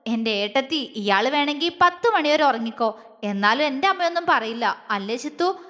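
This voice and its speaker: A woman's voice: sits high, lively intonation, normal speed, fairly bright tone, in a large hall. A woman voicing a playful young man who teases his sister-in-law. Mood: teasing. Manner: teasing, playful.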